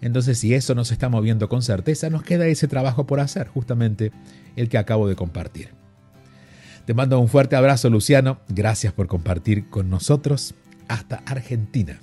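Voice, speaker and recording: A man hosting a call-in advice show who talks in a calm, reflective and gently reassuring way. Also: medium pitch, moderate pace, faint music behind. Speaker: radio show host.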